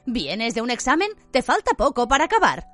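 A woman's voice: fairly high pitch, sing-song, brisk, a bit bright, faint music behind, pitched above the performer's own voice. A woman voicing a pompous, middle-aged male government minister who talks in a bluff, sighing, falsely cheerful way.

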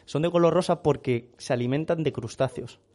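A man's voice: on the high side, a little fast, warm tone. A young man from Spain co-hosting a casual chat, joking around and explaining small facts. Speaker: co-host.

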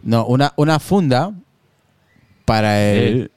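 A man's voice: medium pitch, expressive, slow, a little mellow, clean tone, no room sound. A man hosting a casual tech chat from his hot living room at home, teasing his co-hosts. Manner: teasing, joking banter. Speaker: podcast host. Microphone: computer with a phone camera on a video call.

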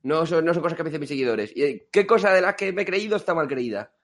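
A man with a Castilian Spanish accent talks very quickly in a slightly high voice. His delivery is casual, joking and peppered with swearing, like banter among friends. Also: lively intonation. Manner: foul-mouthed, joking. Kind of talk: casual chat.

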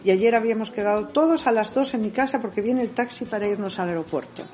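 A middle-aged woman, an interview guest, telling stories in a lively way and acting out what people said. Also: mid-range voice, fast talker, slight background noise. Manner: animated storyteller who acts out dialogue. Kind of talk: conversational interview.

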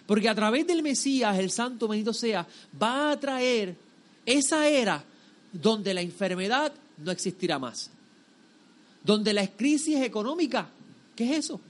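A man's voice: high-pitched, expressive, a little slow. A man giving a sermon-like religious lesson to a group, emphatic and didactic, often repeating phrases and asking rhetorical questions. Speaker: religious teacher.

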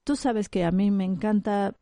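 A woman's voice: mid-range voice, moderate pace, gravelly, no room sound. A woman, a specialist guest explaining her topic and acting out short examples as she talks. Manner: animated, explains with acted-out examples. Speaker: psychologist guest. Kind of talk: conversational expert interview.

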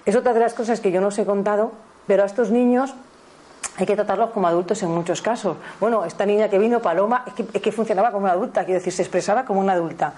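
A woman's voice: medium pitch, mellow. A woman in her fifties with a Spanish accent from Spain, a teacher giving a spiritual talk on parenting, who often corrects herself and checks in with her listeners. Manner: fast, self-correcting, checks in with the audience.

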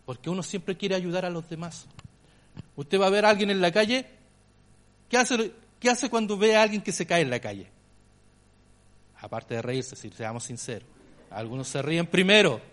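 A male pastor with a Chilean accent delivers an impassioned sermon. His voice sits a little high for a man, and he swings from loud, stressed phrases to hushed, intimate ones. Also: lively intonation, moderate pace, pauses often.

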